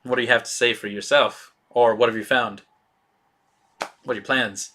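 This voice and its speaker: A man running a tabletop role-playing game as game master, describing scenes in a halting way with many fillers. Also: mid-range voice, steady tone, pushed and bright, slight background noise.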